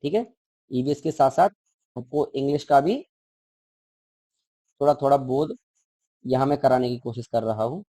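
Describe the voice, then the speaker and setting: A man's voice: medium pitch, normal speed, pauses often, warm tone, no echo. A male teacher explaining a school textbook to children, repeating key words and asking the class questions.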